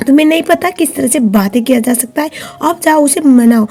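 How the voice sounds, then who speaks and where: A woman's voice: high-pitched, a little fast, a little mellow, faint music behind. A woman voicing a bossy old grandmother who scolds and preaches to her grandson. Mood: scolding.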